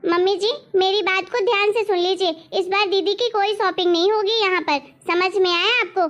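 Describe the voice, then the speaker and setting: Brief: woman doing a demanding daughter-in-law, high voice, bossy and defiant. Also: steady tone, normal speed, a bit bright. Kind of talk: family drama acting.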